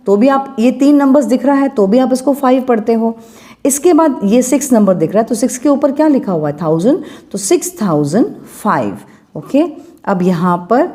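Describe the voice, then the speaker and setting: Lively, mellow-voiced woman teaching maths. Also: fairly high pitch. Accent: Indian English. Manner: patient, checks in with questions. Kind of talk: step-by-step lesson while writing.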